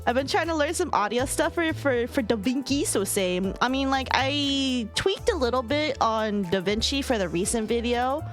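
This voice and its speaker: A high-voiced woman in her late twenties hosts a casual gaming stream. Her delivery is giggly and very animated, swinging widely in pitch. Some music plays behind her as she chats. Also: moderate pace, few pauses. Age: late 20s. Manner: giggly, laughs often. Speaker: livestream host. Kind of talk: casual livestream chat while gaming.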